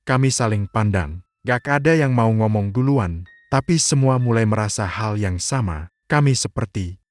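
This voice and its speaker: A man, narrating a scripted horror story in a slow, hushed, suspenseful way. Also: on the low side, expressive, no echo. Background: faint music.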